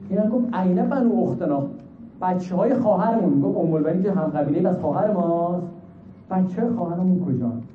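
A man preaching a religious sermon with mourning narration, impassioned and swinging from hushed to loud. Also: high-pitched, expressive, recorded from a distance. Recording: echoey, phone-like, faint noise.

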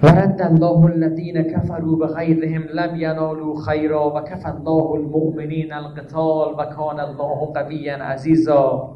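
High-voiced man preaching in an echoey hall. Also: completely flat delivery, slight background noise. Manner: rhetorical questions, emphatic teaching tone; recites Arabic verses. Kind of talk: sermon. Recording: dull, echoey hall recording.

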